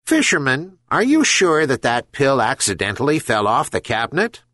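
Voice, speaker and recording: A man voicing a wise herring gull that speaks in a measured, admonishing way. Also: medium pitch, big pitch swings, sharp tone, no room sound.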